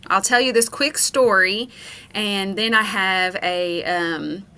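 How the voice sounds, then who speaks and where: A woman's voice: medium pitch, slow, bright, forceful tone, clean tone. A woman teaching a character lesson to children. She checks in with "okay?" after nearly every point and explains patiently. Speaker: school educator.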